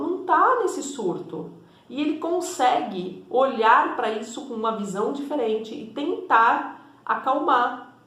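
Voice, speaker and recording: A woman's voice: high voice, a bit bright. A woman therapist giving a conversational, explanatory teaching talk, often checking in with tag questions. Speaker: energy and spiritual therapist. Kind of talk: teaching monologue to camera. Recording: echoey room.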